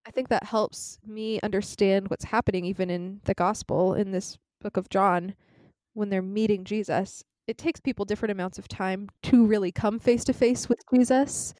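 A woman's voice: medium pitch, steady tone, moderate pace, warm tone, no echo. Earnest woman with a dry, close sound. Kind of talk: conversational discussion, reading scripture aloud.

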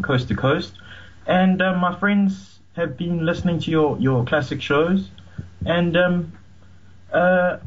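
Man, hollow tunnel-like echo, muffled computer mic, slightly raised voice, hesitant with ums, faint hiss. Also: fairly high pitch. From South Africa. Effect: hollow echoing tunnel sound. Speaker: caller. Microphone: computer mic over an internet call. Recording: muffled, tunnel-like internet call.

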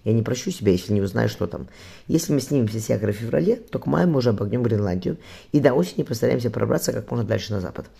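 A man reading as a tender, gruff sea captain. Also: medium pitch, expressive, racing, heavily acted. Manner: soft and tender, sometimes gruff. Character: loving, restless sea captain, grumbling.

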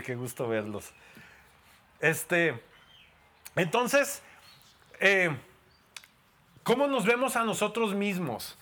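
Pastor with a Mexican accent, playful and chatty in the pulpit, bright and forceful. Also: male voice, high-pitched. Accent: Mexican Spanish. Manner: playful, joking, conversational. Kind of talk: sermon. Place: church before a congregation.

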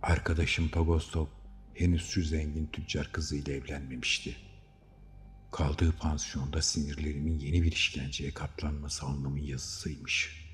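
A male narrator with an extremely deep voice tells a first-person story in a measured, dramatic manner. His reading rings out with a long hall reverb. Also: little pitch movement, slight background noise. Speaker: audiobook narrator.

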